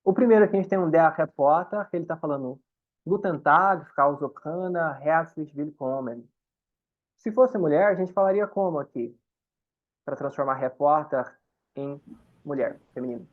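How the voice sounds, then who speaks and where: A man's voice: a little high, animated, a little fast. A man leads an online German lesson. He explains each rule patiently and keeps asking the students whether they follow. His voice comes through dull, lo-fi video-call audio. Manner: patient, explains with frequent checks to the class. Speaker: German teacher.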